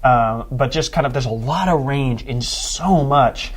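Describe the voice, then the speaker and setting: A young man hosts a music podcast in a loose, rambling way. He fills his talk with "um" and "you know" and restarts his sentences, at a middle pitch. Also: unhurried, a little hiss or hum. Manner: rambling, many fillers and restarts. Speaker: podcast host. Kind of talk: casual music podcast chat.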